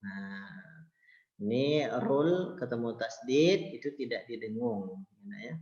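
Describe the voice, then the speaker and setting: A man's voice: mid-range voice, animated, slow, darkish tone, faint music behind. A man teaching how to recite the Quran, explaining patiently and calling his listeners children, with chanted verses in between. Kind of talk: tajwid lesson with chanted recitation. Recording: roomy, dull lo-fi sound.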